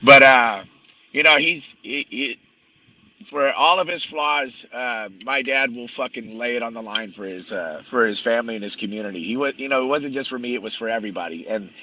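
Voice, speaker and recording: A man's voice: medium pitch, fairly quick, sharp tone, rough recording. A man guest telling a story in casual conversation, blunt and profane, rambling with many restarts. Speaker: podcast guest.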